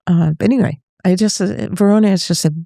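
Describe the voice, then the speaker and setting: A woman's voice: mid-range voice, quick pace, vocal fry, dark tone, no room sound, studio quality. A middle-aged woman from Northern California, a voice teacher chatting casually as an interview guest, laughing often and trailing off mid-thought.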